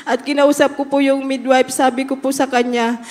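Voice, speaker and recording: A woman's voice: high voice, little pitch movement, normal speed, darkish tone. Fervent woman testifying in an echoing church hall. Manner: fervent, often calling out hallelujah. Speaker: church member giving testimony. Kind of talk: religious testimony before a congregation.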